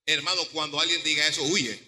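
A man pastor preaching a sermon with animated delivery, acting out dialogue. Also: on the high side, brisk, in a large hall.

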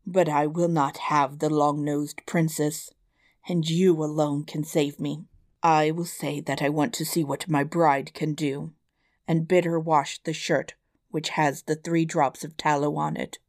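A determined young prince from an old storybook, declaiming his plans in a firm, measured voice, as a woman reads him. The tone sits low and unhurried. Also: little pitch movement, a little mellow, no echo, clean studio sound. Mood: earnest.

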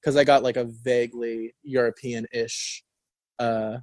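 A young man co-hosting a college radio show gives a casual music review of a record, with frequent fillers and restarts. His medium-pitched voice has a level, darkish tone and an unhurried pace, recorded on a studio mic in a radio studio with no room sound.

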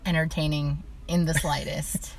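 A middle-aged woman from Illinois, USA, chats as a guest in a casual interview, her low voice a little slow and fairly flat in pitch. She fills her stories with "like" and laughs as she tells them, over slight background noise.

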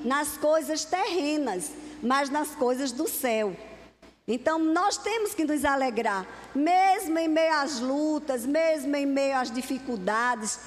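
A woman preacher delivering a sermon to a congregation in an earnest, repeating cadence. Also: high voice. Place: church hall. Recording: long hall reverb.

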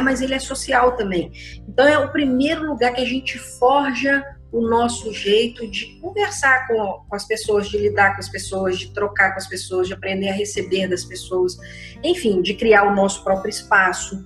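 A Brazilian woman speaks as a therapist answering a listener's question. Her talk is conversational and expressive, and she slips into the voices of the people she quotes. The room sounds echoey, with faint music behind her. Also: medium pitch. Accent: Brazilian Portuguese. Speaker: systemic constellation therapist.

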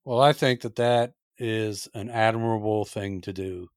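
A man's voice: fairly low pitch, fairly even intonation, unhurried, no room sound. Friendly male podcast host, dry sound. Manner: friendly, affirming interviewer. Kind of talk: casual interview chat.

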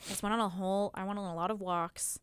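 A young American woman hosts a casual podcast chat. Her voice is clean and smooth, picked up very dry. She talks informally, with slang and lots of "like". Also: mid-range voice, fairly even intonation, quick pace, no echo. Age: young adult. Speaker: podcast host.

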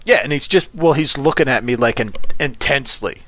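A man's voice: medium pitch, a little fast, a bit bright. A man chatting casually, rambling with lots of fillers and restarts and swearing freely. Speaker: pizza delivery driver. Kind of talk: casual chat.

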